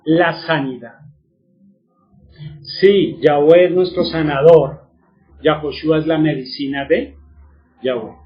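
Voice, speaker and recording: High-voiced man teaching, quizzing his listeners. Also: steady tone, takes it slowly, long pauses, dull audio, soft background music. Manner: asks the audience questions and answers them himself. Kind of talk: religious teaching.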